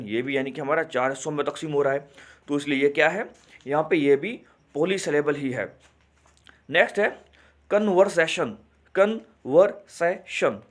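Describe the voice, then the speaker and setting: Man teaching a lesson. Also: a little high. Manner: repeats words slowly and asks rhetorical questions. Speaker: English teacher. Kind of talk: classroom lesson explaining grammar.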